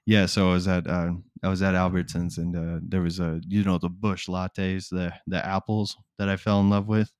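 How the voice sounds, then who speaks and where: A man's voice: low-pitched, level tone, moderate pace, few pauses, darkish tone, smooth, no room sound, clean studio sound. A man co-hosting a podcast, chatting casually and retelling stories with slang, swearing and quoted back-and-forth dialogue. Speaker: podcast co-host. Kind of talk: casual chat, storytelling.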